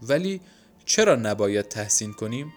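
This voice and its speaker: A man's voice: on the low side, sing-song, darkish tone, soft background music. A man voicing a dismissive circus overseer who humors a dying performer in an audiobook. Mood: brisk.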